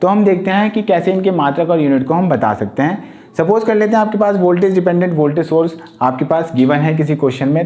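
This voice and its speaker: A man's voice: fairly high pitch, a little mellow. A man teaching a lesson for competitive-exam students, explaining step by step and speaking directly to his students. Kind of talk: exam-prep lecture.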